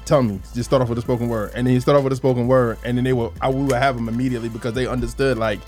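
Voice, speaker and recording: A man chatting casually, telling his story in an animated way. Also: mid-range voice, very fast, faint music behind. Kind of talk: casual chat.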